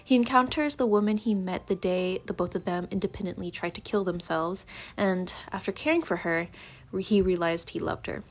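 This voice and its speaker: A woman's voice: mid-range voice, moderate pace. A young woman with a stuffy, congested voice from allergies, chatting earnestly through a casual book review vlog. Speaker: book vlogger.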